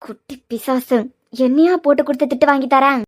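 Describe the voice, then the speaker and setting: A woman voicing a shrill scheming young woman. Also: fairly even intonation, brisk, natural voice. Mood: spiteful. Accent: Kanyakumari Tamil. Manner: sulky, spiteful muttering. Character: jealous scheming young woman, future stepmother. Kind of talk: cartoon web series voice acting.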